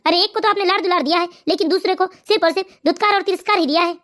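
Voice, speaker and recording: For an animated moral story, an actor voices a cartoon husband in a strikingly high, fast voice. Earnest and pleading, the steady son tries to calm his family while caught between his mother and his wife.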